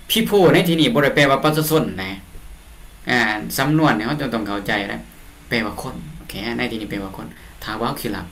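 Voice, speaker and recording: A man with a Lao accent runs a lesson, translating an English storybook line by line. His voice sits at an ordinary middle pitch. He reads English phrases slowly, often repeating them, before explaining them patiently. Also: a bit bright. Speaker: teacher.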